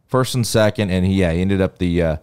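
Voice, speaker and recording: A man co-hosting a casual sports podcast, telling stories with excitement, swearing and laughing at himself. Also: low-pitched, fairly quick, clean tone. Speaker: podcast co-host.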